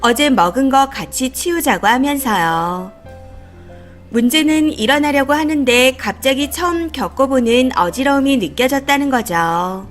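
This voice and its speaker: A woman's voice: sits high, a bit bright. A woman narrating a reader's life story in the first person, in a confiding, indignant telling.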